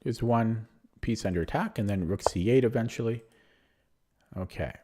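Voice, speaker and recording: Streaming online chess, a man thinks aloud through his moves in live game commentary, hesitant and self-deprecating, with frequent fillers. His voice is fairly low and at a normal speed, against a noisy background.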